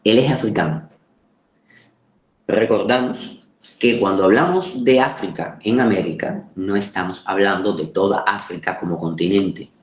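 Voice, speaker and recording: A man from the Caribbean with a Caribbean Spanish accent gives an informal lecture, pausing to search for words and repeating phrases for emphasis. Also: on the low side. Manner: emphatic repetition for rhetorical effect, halting word searches. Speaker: course lecturer. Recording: roomy, echoing sound.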